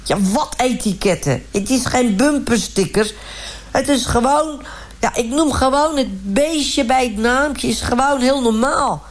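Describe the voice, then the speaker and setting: A woman's voice: a little high, a little slow, lightly acted. A woman voicing a chatty, self-righteous middle-aged village man who rambles indignantly in a comic radio sketch. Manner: rambling, indignant, repeats "hartstikke" and "gewoon".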